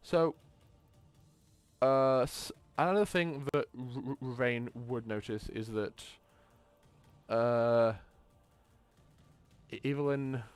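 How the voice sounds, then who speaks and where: A man's voice: medium pitch, slow, long pauses, clear, resonant tone, dry recording, faint music behind. A man narrating as game master, often stumbling and restarting his words. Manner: stammering, frequent restarts.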